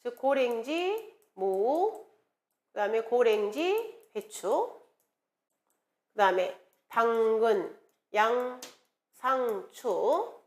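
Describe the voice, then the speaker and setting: 암기법을 리듬감 있게 외우고 수시로 질문을 던지며 강의하는 중년 여성 강사. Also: female voice, fairly high pitch, very slow, long pauses. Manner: lively, sing-song mnemonic chanting, rhetorical questions. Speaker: exam prep lecturer. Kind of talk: classroom lecture with mnemonics.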